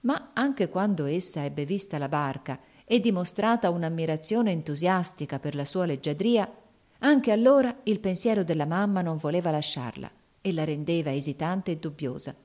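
A woman narrating a classic children's story in a measured, expressive reading style. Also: on the low side. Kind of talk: audiobook reading.

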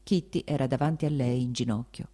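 A woman narrating a novel in a calm, measured audiobook reading. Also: very deep voice. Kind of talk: scripted narration.

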